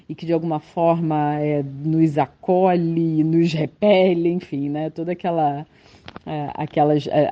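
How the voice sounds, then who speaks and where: A woman with a Brazilian Portuguese accent, a professor giving a reflective podcast monologue with thoughtful, halting phrasing and frequent restarts. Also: low-pitched, mellow, highs cut off.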